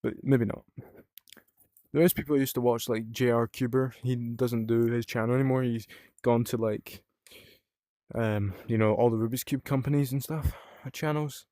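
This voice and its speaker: A man's voice: medium pitch, steady tone, normal speed, dark tone, no room sound, clean studio sound. A young British man from the UK chatting casually in a rambling vlog, swearing freely and using lots of fillers. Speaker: vlogger.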